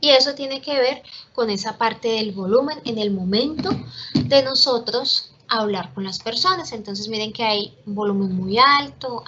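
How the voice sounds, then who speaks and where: A woman teaches an online class, laying out each point step by step and checking in often with her students. Her voice is bright and fairly high with a slight husky edge. The call audio is muffled and lo-fi, like a laptop webcam mic. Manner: explains step by step, often checks in with "¿listo?" and "¿cierto?".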